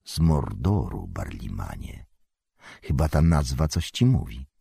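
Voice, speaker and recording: A man voicing a grim, watchful male ranger who speaks calmly and measuredly. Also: gravelly, breathy edge, dry recording, clean studio sound, exaggerated voice. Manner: calm, low and measured.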